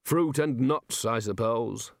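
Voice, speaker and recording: A man's voice: medium pitch, lively intonation, normal speed, no room sound, clean studio sound, natural voice. A man voicing a grumpy, sceptical male wizard dean. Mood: grumbling. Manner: grumbling, sceptical.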